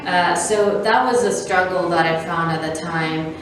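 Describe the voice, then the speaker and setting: Lady founder answering questions slowly, lots of ums, distant mic, faint hiss behind. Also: on the low side, very echoey. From Venezuela. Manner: thoughtful, many fillers, measured. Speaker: startup founder and CEO. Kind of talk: interview answers.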